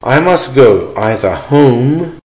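Slow-paced man reading out a dictation. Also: medium pitch, sing-song, a little mellow. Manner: deliberate, measured phrasing in short segments. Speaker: language teacher giving dictation. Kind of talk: slow repeated dictation exercise, reading punctuation aloud.

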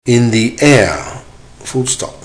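Slow-paced man reading out a dictation. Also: mid-range voice, expressive. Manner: deliberate, measured phrasing in short segments. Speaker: language teacher giving dictation. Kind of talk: slow repeated dictation exercise, reading punctuation aloud.

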